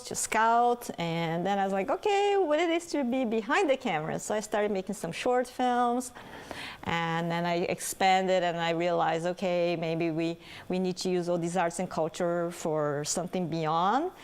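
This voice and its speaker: Animated woman, laughs between points. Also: fairly low pitch, clear, resonant tone. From Brazil. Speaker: film director being interviewed. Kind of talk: casual interview answers. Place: film festival event.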